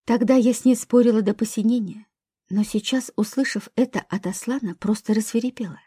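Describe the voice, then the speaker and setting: A woman narrating a first-person novel as an audiobook, expressive reading. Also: a little high, a little fast, husky, no room sound, studio quality.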